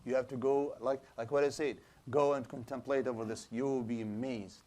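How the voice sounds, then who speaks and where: A mellow, mid-range male voice with a steady tone moves briskly through a lecture. He's an Islamic studies teacher in a small room with a projector screen, explaining concepts, putting rhetorical questions to the class and often starting over.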